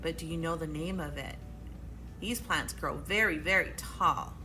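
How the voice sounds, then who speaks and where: Speaking low and unhurried, this woman sounds pushed and bright as soft music plays behind her. She leads a young children's storytime with encouragement and exclamations, asking questions through songs and guessing games. Faint noise and echo fill the room.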